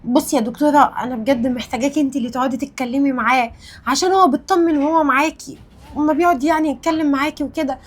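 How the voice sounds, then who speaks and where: Anxious Egyptian sister, played by a woman, high-pitched and rapid, begging for help. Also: steady tone, close to an everyday voice. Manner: anxious, pleading. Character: worried older sister begging the doctor for help. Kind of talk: web drama acting.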